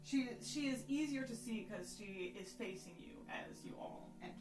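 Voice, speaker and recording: A woman's voice: on the high side, animated, moderate pace. A woman working as game master, narrating a scene for players in a live tabletop game. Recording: echoey room, distant mic, music behind.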